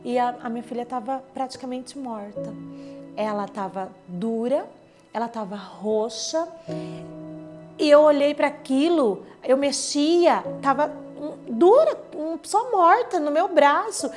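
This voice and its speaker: A woman's voice: sits high, lively intonation, measured pace. A woman gives a personal church testimony, retelling events vividly and with emotion, acting out what others said. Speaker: church member giving testimony. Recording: clear background music under speech. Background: soft instrumental music.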